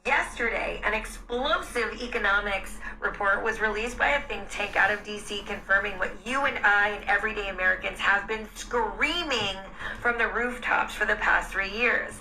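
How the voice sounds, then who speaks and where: A woman's voice: medium pitch, moderate pace, few pauses, sharp tone, a little hiss or hum, low-quality recording. A woman giving scripted political commentary in an indignant tone.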